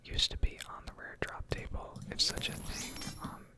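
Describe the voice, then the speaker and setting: A woman hosting a gaming video offers casual, rambling commentary in a soft ASMR whisper close to the microphone. She hesitates as she goes and speaks at a normal speed.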